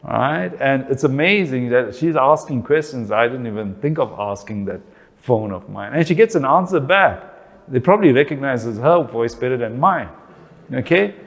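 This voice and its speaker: A man's voice: medium pitch, expressive, normal speed, gravelly. A man with a South African accent giving a talk on family relationships, often asking questions and then answering them himself. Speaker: speaker. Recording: long reverb of a hall.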